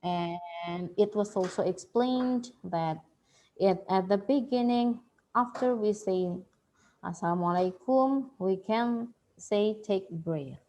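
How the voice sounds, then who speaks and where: A woman's voice: medium pitch, slow pace, dark tone. A woman giving a slide-based workshop talk, hesitant, with many fillers and a repeated "yeah". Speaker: workshop presenter.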